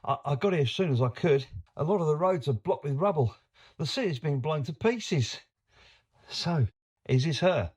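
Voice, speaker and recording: An actor playing a flustered, slow-witted police inspector in an audio drama, with a hesitant, bumbling manner. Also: male voice, on the high side, lively intonation, darkish tone, slightly rough.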